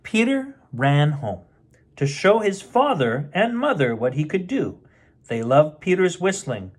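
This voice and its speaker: The middle-aged host of a bedtime story show reads a picture book as a storyteller, with playful asides chatted to the children. His pitch is fairly high and very animated, and his pace is measured.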